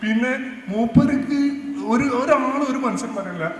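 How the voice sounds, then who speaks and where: In this comedy sketch, a man plays a bragging, domineering senior air traffic officer, tripping over repeated words as he stammers; his accent is Malabar Malayalam. He speaks at a measured pace in a very high, expressive voice. The large hall where he performs adds echo and a little faint noise.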